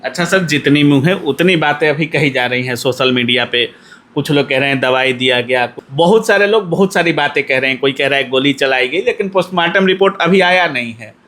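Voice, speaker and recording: A man's voice: on the high side, brisk, a bit bright. Polite male news interviewer. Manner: asks questions politely, addresses the guest as sir.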